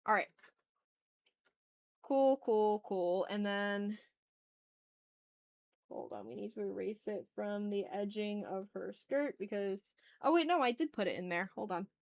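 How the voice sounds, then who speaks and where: Hosting a live art stream, a woman chats casually and talks herself through her drawing, repeating short phrases and letting out mild exclamations. Her voice is medium-pitched and a little mellow, with a measured pace and frequent pauses.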